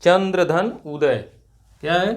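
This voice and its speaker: In class, a male teacher goes through Hindi grammar, questioning students and tacking a brief "right?" onto each point to make sure they follow. He speaks slowly in a high voice, in a call-and-response style.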